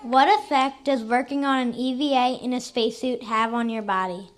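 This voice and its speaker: A woman's voice: a little high, fairly even intonation, normal speed, slight background noise. A woman reading out a prepared question at a student question-and-answer event.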